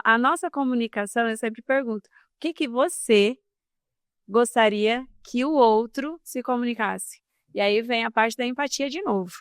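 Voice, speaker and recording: A woman speaking as a podcast guest on communication, talking in a casual, expressive and emphatic way. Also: fairly high pitch, smooth, no room sound, clean studio sound.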